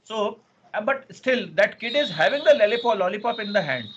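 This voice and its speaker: A man's voice: sits high, animated, a little fast, a bit bright. A man with an Indian accent lecturing to a class on law, often repeating phrases and checking understanding with questions. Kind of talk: interactive online lecture. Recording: muffled, clearly noisy online class audio.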